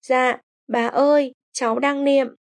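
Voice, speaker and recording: A woman's voice: high-pitched, flat delivery, unhurried. Eager young granddaughter, as a woman reads her.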